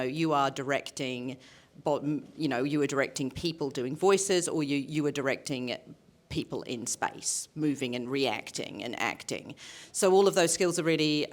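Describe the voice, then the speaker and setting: A woman with a light New Zealand accent, a voice and performance director explaining her craft on a conference panel. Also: low-pitched. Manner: explanatory, repeats key points. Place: conference stage.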